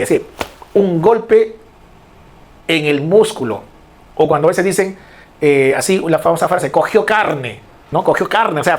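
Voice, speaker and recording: High-voiced man teaching a lively class. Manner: explains slowly, repeats key words, asks the class questions. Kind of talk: online class lecture.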